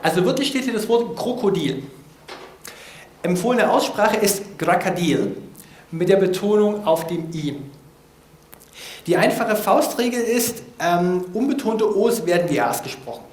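A man with a notably high voice gives a relaxed, informal talk in front of an audience. He jokes at his own expense and drops slangy asides. The sound carries a roomy echo from the hall. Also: unhurried. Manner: lively, casual and self-mocking, with slangy asides. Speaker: speaker giving a talk on language learning.

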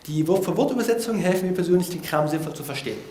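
A man giving an informal talk to an audience, lively and casual with self-mocking, slangy asides. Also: high voice, very fast, a little hiss or hum. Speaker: speaker giving a talk on language learning. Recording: roomy, echoey hall.

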